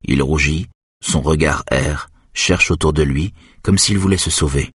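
A man reading a novel aloud in a steady, even narration. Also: rumbling low, unhurried, husky, dry recording, studio quality. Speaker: reader.

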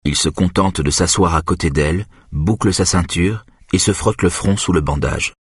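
A man narrating an audiobook in a steady, even reading. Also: low voice, moderate pace, husky, no echo, clean studio sound.

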